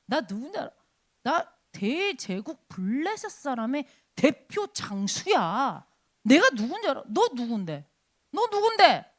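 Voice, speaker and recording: A mocking giant warrior of a man who fires off scornful questions, put on by a woman preacher. The voice dips low and quiet and drags its taunts out slowly. Every line drips with boastful contempt. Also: very animated.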